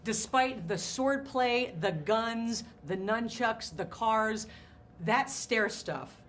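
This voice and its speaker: A woman's voice: on the high side, lively intonation, slow, fairly bright tone, slight background noise. A woman chatting effusively and conversationally as an interviewer at a press interview. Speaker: entertainment interviewer.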